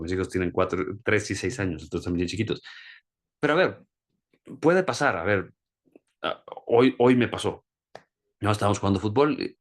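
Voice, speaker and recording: A man teaching an online class explains an idea plainly and casually, though he keeps backtracking and repeating himself. Giving examples, he shifts his voice up higher.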